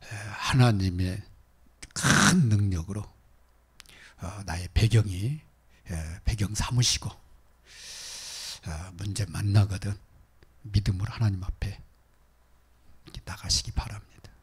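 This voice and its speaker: A male pastor delivers a sermon in a husky, slightly breathy voice. He swings from loud exhortation to hushed, almost whispered asides. His tone stays earnest and direct with the congregation. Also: lowish voice, slow, long pauses.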